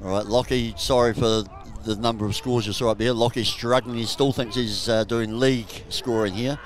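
A man with a New Zealand accent calling a live rugby match outdoors, chatty and jokey, bursting into excited shouts at big plays. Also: medium pitch, moderate pace. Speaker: rugby commentator. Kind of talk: live sports commentary.

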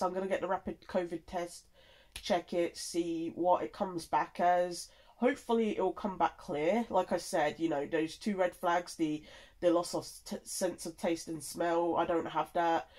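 A content creator gives a casual, halting, rambling update, sounding tired and nasally congested from a cold. The voice is mid-range, steady and a little mellow.

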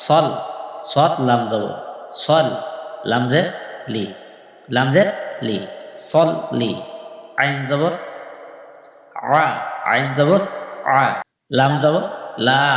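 A man teaching a religious recitation syllable by syllable, spelling each sound slowly and repeating every step. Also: medium pitch, fairly bright tone. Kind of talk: slow spelled-out recitation lesson. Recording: echoey hall with long reverb.

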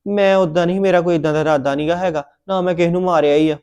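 A man's voice: on the high side, steady tone, fast, a little mellow, smooth, dull audio. A young man with a Punjabi accent, acting an adopted son in a family drama, pleading and apologetic.

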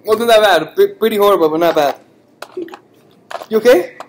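A young man chatting casually and excitably while taking part in a gross jelly bean eating challenge. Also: high voice, moderate pace. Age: young adult. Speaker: challenge contestant. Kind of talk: casual chat. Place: large indoor common room. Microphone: camera mic, a little way off. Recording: noisy room, off camera microphone.

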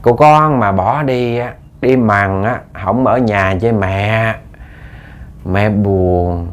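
Sinister corpse demon posing as a mother, voiced by a male narrator, slow low drawl. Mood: coaxing.

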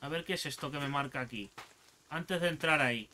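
A man with an accent from Spain giving excitable, foul-mouthed let's play commentary as a gaming channel host, taunting enemies as he plays. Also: on the high side, brisk, slight background noise. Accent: Spain Spanish.

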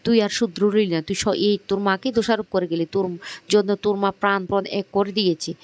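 A man's voice: high-pitched, steady tone, a little fast, natural voice. A man voicing an old grandmother who scolds in a reproachful way.

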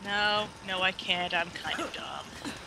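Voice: medium pitch, takes it slowly. A let's play co-host in casual gameplay banter, giggly, playful and self-mocking. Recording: home gaming recording with clear background noise.

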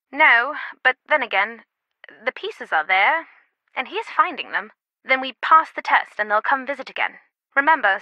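A video game voice actor, a woman with a slightly high, sharp-toned voice, plays a worldly, wry antiquities expert in scripted adventure game dialogue. She speaks in a conversational, confiding manner, and the audio is poor with no room sound.

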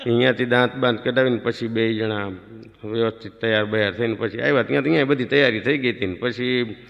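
A male stand-up comedian, telling a comic story in a folksy, animated way. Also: mid-range voice, fast, creaky, muffled recording. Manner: folksy, animated, playing to the laughs. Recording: live hall reverb.

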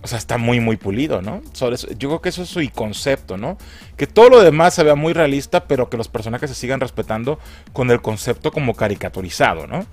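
A man's voice: mid-range voice, animated, brisk, darkish tone, faint music behind. A man giving casual, swearing, laughing commentary as a film trailer reviewer.

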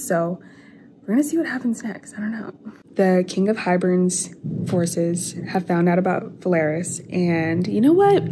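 A young woman vlogging as she reads, chatting casually and excitably, full of "like" and gushing reactions. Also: lowish voice, slight background noise. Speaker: book vlogger. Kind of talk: casual reading vlog chat. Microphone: filming herself on camera.

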